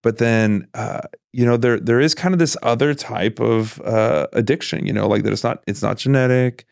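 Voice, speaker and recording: Guy hosting a chatty podcast, kinda rambly, keeps restarting himself, gravelly voice. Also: medium pitch, normal speed, darkish tone, no room sound, studio quality. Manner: rambling, self-interrupting, laughs often. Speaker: podcast host. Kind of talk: casual podcast interview.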